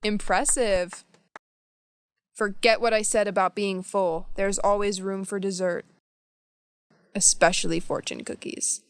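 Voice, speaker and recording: A woman speaking slowly and carefully in a scripted beginner English dialogue. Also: medium pitch, fairly even intonation, clear, resonant tone, no room sound, studio quality.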